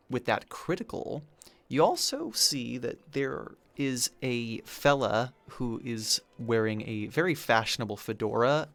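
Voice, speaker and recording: Gravelly-voiced male game master. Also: mid-range voice, a bit bright. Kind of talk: narrating a tabletop game.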